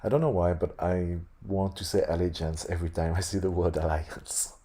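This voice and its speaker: A man with a lisp reading aloud haltingly, stumbling and correcting himself, with casual asides. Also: low-pitched, warm tone, slightly rough. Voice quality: lisp on s sounds. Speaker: host reading a tabletop game sourcebook aloud.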